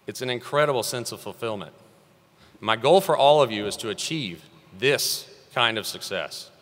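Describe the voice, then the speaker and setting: A Texas man in his thirties delivers an earnest, encouraging commencement address from a podium microphone in a large hall at a graduation ceremony, with rising emphasis on key phrases. His medium-pitched voice is pushed and bright, and the hall's long reverb rings through the recording.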